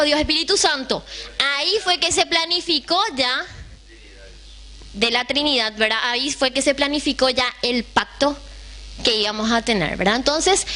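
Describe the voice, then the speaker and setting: High bright-voiced woman teaching a bible class. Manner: keeps asking the class questions, checks in with "right?".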